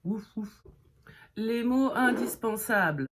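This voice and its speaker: A woman's voice: fairly high pitch, animated, slow. A woman giving a humorous beginner English lesson in French, playful and jokey, with whispered asides. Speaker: English teacher.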